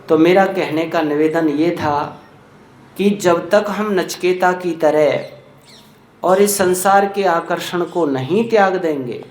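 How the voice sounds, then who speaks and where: A man giving a Vedic sermon as a swami, chanting Sanskrit verses slowly and then explaining them, telling stories with acted quotes. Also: a little high. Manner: storytelling with acted quotes of a mother. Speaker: swami preacher. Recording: echoey room.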